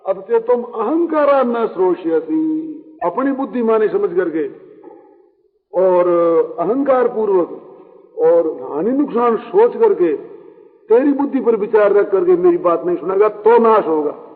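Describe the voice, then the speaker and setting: A man with a high voice gives a devotional discourse, telling stories and voicing their characters as he goes. The recording is thin and phone-like. A long echo hangs after his words, as in a big hall. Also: animated, unhurried. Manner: acts out the characters' lines in the stories. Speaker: spiritual teacher.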